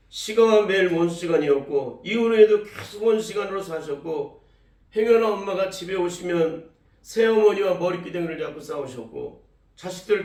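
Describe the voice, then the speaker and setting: A man's voice: high-pitched, a little mellow. A male pastor telling a testimony in a sermon, acting out the cries and words of the people in the story. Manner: tells a testimony, acting out quoted cries and speech. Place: church sanctuary. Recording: echoey hall, voice from far off the mic.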